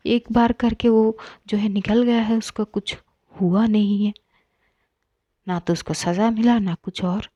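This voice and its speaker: A woman's voice: medium pitch, steady tone, measured pace, mellow, no echo, lightly acted. A woman voicing a fierce protective young woman. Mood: scolding. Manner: angry, scolding, lecturing. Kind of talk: storybook reading.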